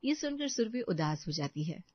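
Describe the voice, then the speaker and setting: A woman narrating an animated family story, engaging and speaking directly to the listeners. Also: on the low side, normal speed. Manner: warm, engaging, addresses listeners. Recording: dry, slightly dull lo-fi audio.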